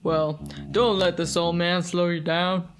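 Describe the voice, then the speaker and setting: A woman's voice: lowish voice, level tone, unhurried, faint music behind, lightly acted. A woman putting on a chuckling old country man. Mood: flirty. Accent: American Southern put-on. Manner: drawling, chuckles between lines.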